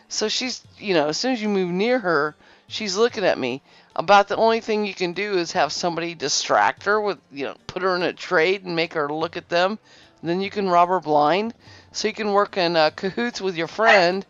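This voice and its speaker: A woman hosting a game guide video, giving casual tutorial narration over gameplay in a rambling way, correcting herself often. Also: fairly low pitch. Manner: rambling, self-correcting, lots of fillers. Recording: slightly dull lo-fi recording with faint music.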